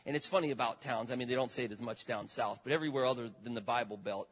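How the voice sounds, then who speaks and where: A man's voice: medium pitch, very fast, slightly rough, poor audio. A middle-aged man, a traveling evangelist, telling healing stories in a folksy sermon full of fillers and amens. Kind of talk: sermon testimony.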